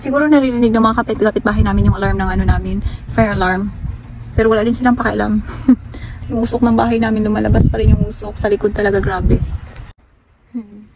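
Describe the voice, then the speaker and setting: A woman's voice: medium pitch, fairly even intonation, fast. Shaken Filipino woman, noisy phone vlog. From Philippines. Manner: rattled, exclaims often. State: shaken and scared. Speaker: vlogger. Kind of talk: casual vlog, filmed by phone. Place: at home and just outside the house.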